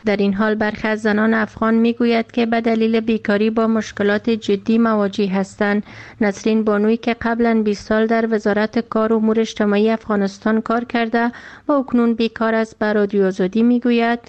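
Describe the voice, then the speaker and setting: A woman with an Afghan Dari accent reading a radio news report in an even, measured way. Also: on the high side. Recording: slightly dull lo-fi sound.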